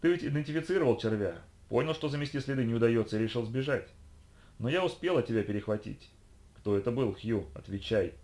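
A man voicing a cold, sharp young woman who interrogates a captive with icy, commanding reasoning. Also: mid-range voice, animated, quick pace, natural voice. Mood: probing.

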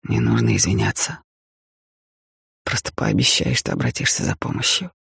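A narrator voicing a patient, worried husband who gives soft, steady reassurance in a low, gravelly voice. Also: male voice, normal speed, no echo, clean studio sound, exaggerated voice. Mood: gentle.

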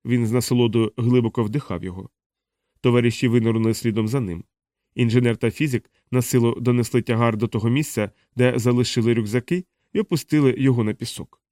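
A man reading a novel aloud as an audiobook narrator, at a measured pace. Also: medium pitch, steady tone, dark tone, dry recording, clean studio sound. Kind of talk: scripted narration.

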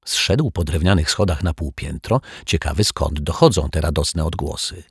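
A man narrating a children's story in a calm, measured reading voice. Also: very deep voice, husky, dry recording, studio quality. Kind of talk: audiobook storytelling.

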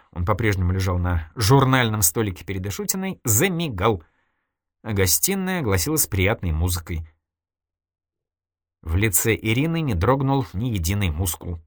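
A man narrating an audiobook in an expressive way. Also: lowish voice, dry recording, studio quality.

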